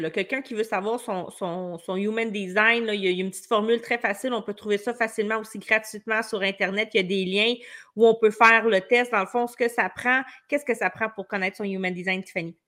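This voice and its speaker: A woman's voice: medium pitch, fast talker, a bit bright. A woman with a Quebec French accent hosts a podcast in an informal, conversational way, prompting her guest and putting things simply. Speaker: podcast host, business management coach.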